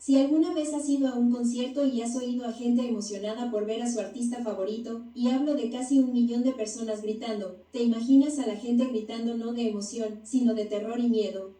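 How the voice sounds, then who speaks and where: A woman narrating a dubbed first-person near-death testimony in an even, read-aloud manner. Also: a little high, a little fast, hardly any pauses, echoey room, distant mic.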